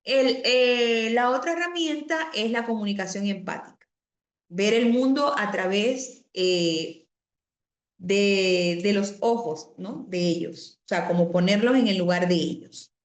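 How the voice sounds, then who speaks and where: A woman's voice: mid-range voice, measured pace. Woman teaching an online class. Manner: explanatory, repeats key words, frequent "o sea" asides. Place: home or office on a video call. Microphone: computer mic on a video call. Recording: roomy video call audio.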